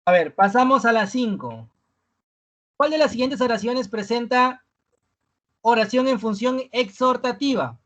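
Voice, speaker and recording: A teacher giving a live online review class, ending almost every phrase with a questioning "¿no?" and repeating key words slowly for emphasis. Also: mid-range voice, animated, a bit bright, highs cut off.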